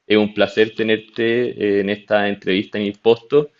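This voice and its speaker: A man's voice: lowish voice, little pitch movement, moderate pace, clear, resonant tone. A man hosting an interview, asking courteous, long and winding questions. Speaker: interviewer, gallery director. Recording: dull lo-fi audio.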